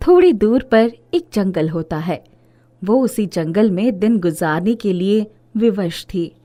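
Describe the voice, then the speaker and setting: A woman narrating an animated moral story in a scripted, expressive storytelling manner. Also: medium pitch, slow pace.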